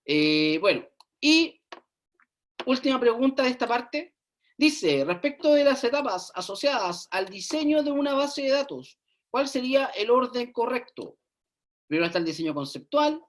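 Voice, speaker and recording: A woman's voice: fairly high pitch, big pitch swings, normal speed. A woman, a university lecturer, going over quiz answers in an online class. She often checks in with her listeners and hums while she thinks aloud.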